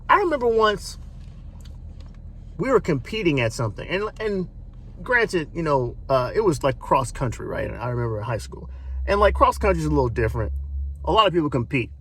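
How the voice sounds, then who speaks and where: A man's voice: a little high, fairly bright tone, husky. A man in his thirties giving a casual, emphatic opinion monologue, often restarting and repeating phrases as he makes his point. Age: 30s. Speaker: video host.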